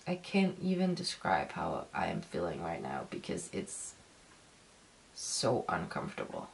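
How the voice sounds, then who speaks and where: A woman giving a casual video review, ranting emphatically in a halting, repetitive way. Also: rumbling low, huge pitch swings, gravelly, poor audio. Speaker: film reviewer.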